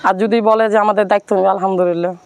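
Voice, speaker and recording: Speaking rapid-fire with a Bangladeshi accent, a woman from Rangpur earnestly recounts her life and pleads with viewers. Her medium-pitched voice is steady, clean and a little mellow, though the sound is lo-fi.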